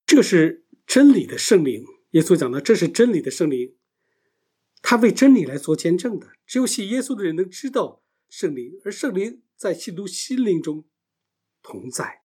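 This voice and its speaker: A man teaches a Bible lesson in a voice pitched a little above the usual male range. He lays out his points step by step, often posing a question and then answering it. His loudness rises and falls as he moves nearer to the mic and away from it. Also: very animated, moderate pace.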